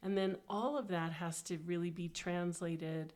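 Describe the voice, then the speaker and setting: A woman's voice: on the low side, steady tone, a little slow, darkish tone. A woman, an occupational therapist co-hosting a podcast, talking in long, reflective, winding sentences. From United States. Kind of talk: casual podcast discussion.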